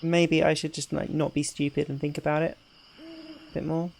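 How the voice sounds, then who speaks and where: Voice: medium pitch, level tone, normal speed, gravelly, darkish tone, a little hiss or hum. A streamer giving casual, chatty gameplay commentary, thinking aloud.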